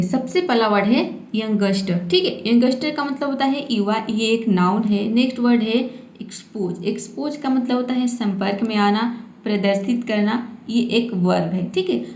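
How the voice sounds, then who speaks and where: A woman who teaches English vocabulary in a patient manner. She spells out words and repeats them slowly, adding a steady "okay" after each point. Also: fairly high pitch, roomy sound. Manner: patient, repeats "ठीक है" often. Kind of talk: vocabulary lesson.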